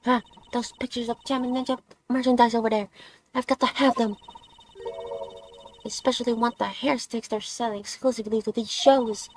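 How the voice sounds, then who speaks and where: A woman voicing an excitable young female thief who is eager, pushy and high-spirited, reading lines from a video game. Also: a little hiss or hum, close to an everyday voice.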